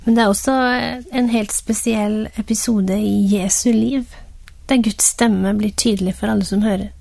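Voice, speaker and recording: A woman gives short prompts in a Bible talk. Her voice is strongly gravelly, at a middle pitch, and the sound is dry. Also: fairly even intonation, dark tone, no echo. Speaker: co-host. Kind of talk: leading questions in Bible talk.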